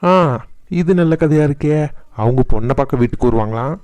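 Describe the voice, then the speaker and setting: A man acts out a fed-up young son in a Tamil cartoon drama. His medium-pitched voice is dryly recorded. He talks back with sarcasm and complaint. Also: fairly quick, dark tone, dry recording, lightly acted. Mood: defiant, annoyed. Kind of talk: colloquial family cartoon drama dialogue.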